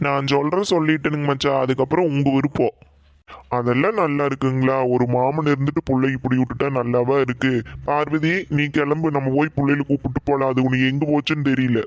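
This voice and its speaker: A man with a Coimbatore Kongu accent voicing a calm, firm village uncle in a cartoon. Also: medium pitch, fast, dry recording, lo-fi sound, natural voice. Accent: Kongu Tamil (Coimbatore). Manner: firm, soothing, with polite -ngga endings.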